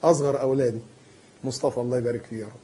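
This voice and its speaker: A man preaching in a colloquial style with an Egyptian accent. He is animated and emphatic, and he acts out the people he quotes. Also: medium pitch, racing, husky. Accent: Egyptian Arabic. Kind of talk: colloquial sermon.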